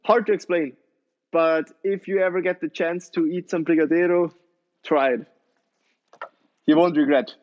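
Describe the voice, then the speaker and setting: A man's voice: on the high side, fairly even intonation, moderate pace, pauses often, highs cut off. A young man in his twenties, a BMX rider guest, chatting loosely about himself with slightly phrasing. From Switzerland. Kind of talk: casual interview.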